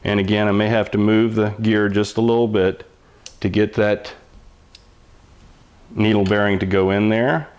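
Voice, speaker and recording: A man's voice: fairly low pitch, level tone, moderate pace, pauses often, darkish tone, highs cut off. An older man explains hands-on mechanical work step by step, like an old machinist, in a patient, folksy, plain-spoken way. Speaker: mechanic giving instruction.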